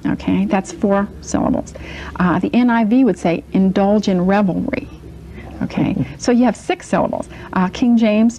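Mellow-voiced woman listing examples, faint hiss. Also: mid-range voice, vocal fry, rough recording. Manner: hesitant, many ums, lists word examples. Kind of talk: casual interview talk.

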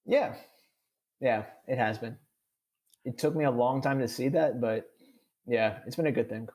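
Appearing as a podcast guest, a young man speaks candidly despite a heavy stutter, with frequent sound repetitions and extended "uh" strings. He has a mid-range, somewhat mellow voice and takes his time.

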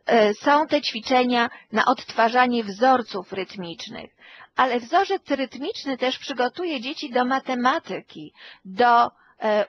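A woman, a hearing and speech therapist, explaining calmly and at length, with some fillers as she goes. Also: on the high side, highs cut off, slight background noise. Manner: slow, measured explanation with fillers. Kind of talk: expert talk to camera.

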